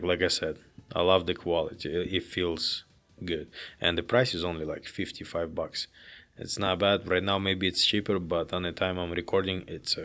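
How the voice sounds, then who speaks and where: Deep, flat-voiced man reviewing a mic. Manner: loose, rambling, self-correcting phrasing. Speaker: vlogger reviewing microphones. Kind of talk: casual gear review to camera. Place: inside a car. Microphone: handheld interviewer mic.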